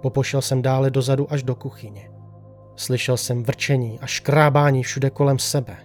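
A man reading a first-person horror story aloud in a slow, hushed, suspenseful way. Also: mid-range voice, level tone, faint music behind. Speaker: narrator. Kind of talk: scripted horror story narration.

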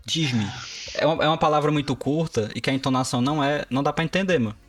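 A man, co-hosting a casual podcast chat and telling stories with lively mimicry of how others talk. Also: a little high, racing, faint music behind. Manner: animated storyteller, mimics others' phrasing. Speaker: podcast co-host, developer.

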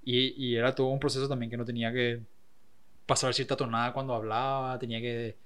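A man's voice: medium pitch, flat delivery, fast, fairly bright tone, clean tone. A man interviewing a guest in a casual chat, sharing personal anecdotes from his youth. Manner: conversational, tells personal anecdotes.

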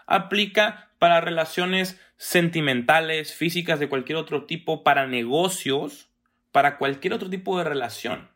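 Young male motivational speaker, slightly high voice, direct and conversational. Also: fairly bright tone. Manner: direct, addresses listener as tú with frequent "¿me explico?". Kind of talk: motivational talk to camera.

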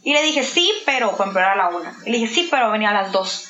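A woman's voice: mid-range voice, sing-song, rapid-fire, sharp tone. A woman with a Mexican accent, a guest in an interview, telling a personal story and acting out the dialogue she quotes. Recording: roomy, slightly dull sound.

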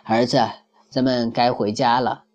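A man's voice: mid-range voice, flat delivery, measured pace, a little mellow, lightly acted. A man voicing a worried, angry father wolf in a children's story, speaking insistently.

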